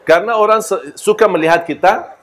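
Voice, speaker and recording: A man's voice: sits high, brisk, background noise. Arabic-accented man preaching with humor. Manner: lively storyteller who acts out quoted voices and jokes with listeners. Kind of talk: humorous sermon.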